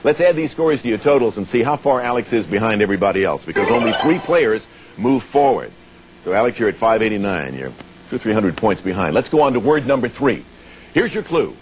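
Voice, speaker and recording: A man's voice: fairly low pitch, lively intonation, fairly quick, a little hiss or hum, poor audio. An American man hosting a TV game show, presenting to players and viewers and explaining things step by step. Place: TV studio.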